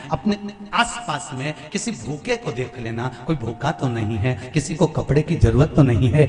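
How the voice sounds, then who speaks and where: A man preaching a devotional sermon in a folksy, sing-song storytelling way, swinging between soft asides and loud exhortations. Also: on the high side. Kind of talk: devotional sermon to a large gathering. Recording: echoey hall with faint music.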